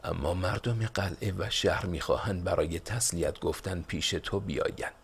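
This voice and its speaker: A man's voice: low voice, creaky, husky, exaggerated voice. Man voicing a pleading wife and mother. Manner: pleading, protesting. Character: grieving mother, Banu, Babak's wife.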